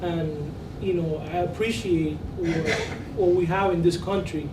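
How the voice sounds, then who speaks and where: A man's voice: on the high side, fairly even intonation, unhurried. A man from Cuba, a law student, speaking sincerely on a panel and repeating words as he thinks. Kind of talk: panel discussion. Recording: roomy, distant, noisy.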